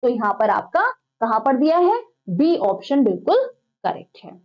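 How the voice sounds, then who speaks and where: A woman's voice: a little high, sing-song, normal speed, muffled recording. A woman teaching an exam-prep lesson, putting questions to the class and then answering them herself. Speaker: Hindi teacher.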